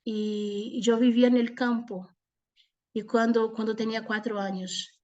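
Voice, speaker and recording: A Brazilian woman in her forties, a native Portuguese speaker, gives an informal religious testimony in a halting mix of Portuguese and Spanish. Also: a little high, flat delivery, a little mellow, lo-fi sound. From southern Brazil. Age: 40s. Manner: hesitant, halting, with frequent pauses. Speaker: speaker giving a personal testimony.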